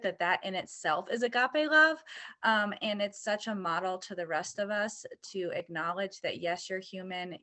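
A woman's voice: lowish voice, a bit bright. A woman earnestly affirming another member's sharing in a church discussion group, with frequent ums. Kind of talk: warm affirming group response.

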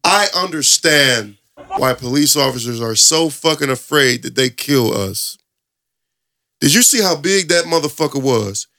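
A man hosting a casual talk show, reacting to a video with animated, profane commentary and acting out quotes. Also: a little high. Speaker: host.

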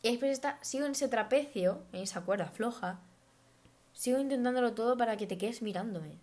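A woman's voice: on the high side, a little fast, a little mellow. A woman, hosting a reflective personal monologue in an earnest, thoughtful, advice-giving way. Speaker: podcast host.

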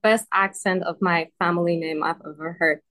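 A woman's voice: on the low side, fairly even intonation, moderate pace, a bit bright. A woman from Iran, a native Persian speaker, answering interview questions as an artist guest, hesitant and full of "um" and "like". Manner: hesitant, laughs often, says "like" and "um".

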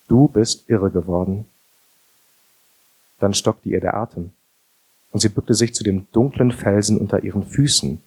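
A male audiobook narrator with a low, somewhat husky voice. He reads calmly and with expression, giving the scripted narration a steady flow.

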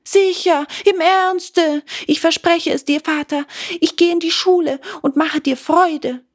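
A woman voicing an eager, whiny wooden puppet boy who talks high and pleading. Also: steady tone, a little slow.

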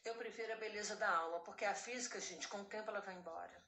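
A woman's voice: mid-range voice, quick pace, sharp tone, reverberant. Woman in her sixties, earnest chat. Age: 60s. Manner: earnest, chatty, addresses listeners as girls.

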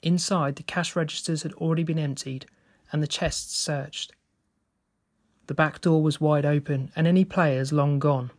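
A man narrating a first-person story in a steady, measured reading. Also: fairly high pitch.

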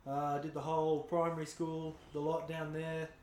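A man's voice: on the high side, monotone, normal speed, darkish tone, roomy sound, slight background noise. An Australian man in his twenties, a rugby league player, chatting easygoing about growing up. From Snowy Mountains, Australia. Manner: laid-back, easygoing, says mate and man a lot. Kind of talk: casual interview chat.

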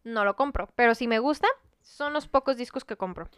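Young Mexican woman, podcast co-host, crisp voice a touch high, slangy storyteller. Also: fairly quick, no echo, studio quality. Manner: animated storyteller, peppers speech with slang and swearing. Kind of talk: casual chat.

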